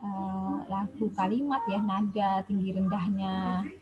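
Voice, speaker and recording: A woman gives a relaxed spoken lecture, chatting along with plenty of fillers. Her voice sits at a middling pitch for a woman. The recording is dull and muffled, like a basic lo-fi voice memo. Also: measured pace. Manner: chatty, with many Javanese-flavored casual fillers. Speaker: health education lecturer.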